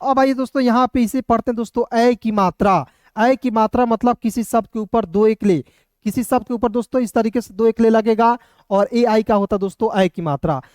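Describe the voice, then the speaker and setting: High-voiced man teaching, quizzing viewers. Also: brisk, a little mellow, no room sound, clean studio sound. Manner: repeats rhetorical questions to viewers. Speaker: English teacher. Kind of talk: casual classroom lesson.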